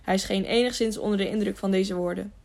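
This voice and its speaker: A woman's voice: mid-range voice, steady tone, a little fast, vocal fry, a little mellow. A woman narrating an audiobook, reading steadily with small slips.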